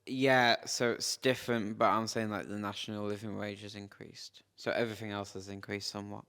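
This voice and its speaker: Laid-back young man, low voice. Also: flat delivery, fairly quick, fairly bright tone, clear, resonant tone. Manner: rambling storytelling full of fillers and slang. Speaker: podcast co-host. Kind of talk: casual chat.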